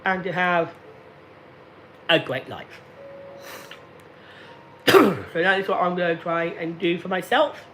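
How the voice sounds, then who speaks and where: Guy nearly forty chatting on a livestream, slow and drawn out, says things over and over. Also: high voice, a bit bright, slight background noise. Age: 30s. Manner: slow, deliberate and repetitive. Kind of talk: casual live stream talk.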